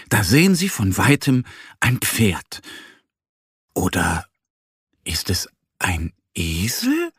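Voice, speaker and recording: A man narrating a children's story slowly and gently, with a husky voice. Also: lowish voice, dry recording, studio quality. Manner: slow, gentle, expressive.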